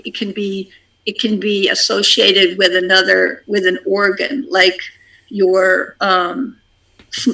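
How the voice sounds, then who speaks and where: A community member in a spiritual group discussion, sharing a practice in a halting, unhurried way with many ums and repeated phrases. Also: medium pitch, sharp tone, rough recording.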